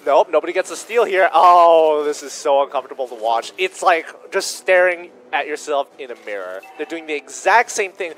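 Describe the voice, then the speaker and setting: A man's voice: on the high side, animated, moderate pace, few pauses, fairly bright tone. A man co-casting a mobile esports match, mixing game analysis with teasing banter. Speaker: esports caster. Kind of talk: casual esports commentary.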